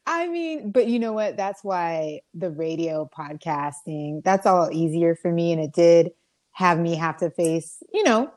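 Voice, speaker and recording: Earnest, low-voiced woman podcast co-host. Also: lively intonation, a little slow, darkish tone. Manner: earnest and reflective, with frequent restarts and laughter. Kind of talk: casual podcast chat.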